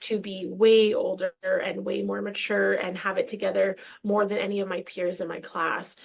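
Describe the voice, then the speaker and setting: Young woman guest, gravelly, earnest and reflective; from Canada. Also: medium pitch, little pitch movement, normal speed. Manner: earnest, reflective, emotional at times. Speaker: podcast guest. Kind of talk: casual conversation.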